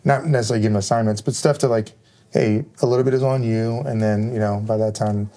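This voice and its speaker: A man with a low, mellow voice talks quickly in a casual panel chat. He rambles loosely, padding his thoughts with fillers. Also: steady tone. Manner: rambling, many fillers like "kinda" and "like". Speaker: firefighter panelist.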